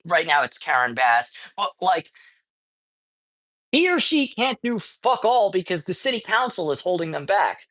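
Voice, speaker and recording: Chatting casually on a livestream from a cat colony, a man who rescues cats rants, swears, and rambles, with lots of false starts and restarts. His voice is high-pitched and a bit bright, very animated but unhurried.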